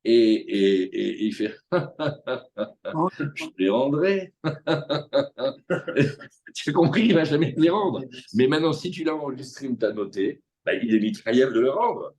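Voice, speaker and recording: A man leads a Talmud class with a slightly husky, breathy voice. His pitch rises and falls in wide, animated swings, and he slips into the characters' lines to make his point. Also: normal speed. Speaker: rabbi teaching Talmud. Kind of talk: lively Talmud class to students. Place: live class with students in the room.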